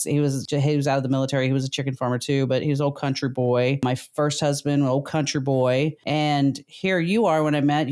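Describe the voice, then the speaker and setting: A woman's voice: deep voice, darkish tone. A middle-aged woman co-hosting a casual talk show with her husband, telling stories in a rambling, candid way. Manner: rambling, candid, country-flavored storytelling. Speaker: podcast co-host.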